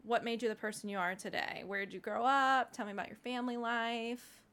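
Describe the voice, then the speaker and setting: A woman's voice: fairly high pitch, fairly even intonation, a bit bright, clean tone. Chatty young woman hosting a podcast. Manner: chatty, laughing, quick asides. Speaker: podcast host. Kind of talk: casual interview chat. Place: home room with a dog.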